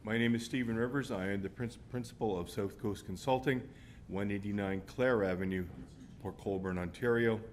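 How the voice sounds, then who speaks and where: A man giving a formal planning presentation to a council, halting often as he goes. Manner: halting, with frequent pauses and hesitations. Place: council meeting room. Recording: rumbly background room noise.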